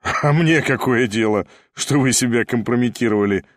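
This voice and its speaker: A man voicing a cold, aloof aristocrat who answers curtly in a low mutter. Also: normal speed, no room sound, studio quality, natural voice. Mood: contemptuous.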